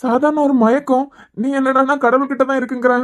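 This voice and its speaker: A woman's voice: high voice, level tone, quick pace, natural voice. A woman voicing a protective, hot-tempered young father in a cartoon series, with a Kanyakumari Tamil accent. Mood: anxious. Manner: forceful, reassuring to family.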